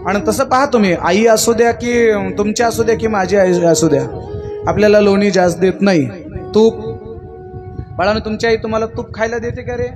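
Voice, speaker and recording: A man's voice: high-pitched, normal speed. A man preaching a devotional sermon, telling the story in rhythmic lists and coaxing the crowd with questions. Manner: folksy, coaxing the audience to answer. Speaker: kirtan preacher. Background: music.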